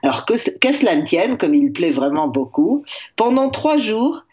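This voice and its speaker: A woman columnist telling a lively history chronicle on the radio, with frequent hesitations. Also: mid-range voice, normal speed, muffled recording. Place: remote line from abroad.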